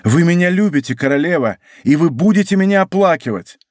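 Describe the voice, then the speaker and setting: A man's voice: a little high, animated, fairly quick, darkish tone, dry recording, clean studio sound, voice pushed up, lightly acted. A man playing an ardent, lovesick duke. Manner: ardent, impassioned declarations. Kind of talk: audiobook character reading.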